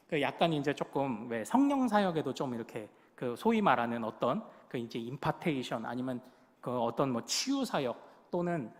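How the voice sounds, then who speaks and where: A man preaching from the pulpit, his fairly high voice swooping up and down as he leads the congregation in repeating phrases. He jumps into the voices of the people in his story with rising emphasis. The sound carries a long church-hall reverb. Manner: acts out quoted voices with rising, emphatic delivery. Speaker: pastor. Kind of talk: sermon. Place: church sanctuary.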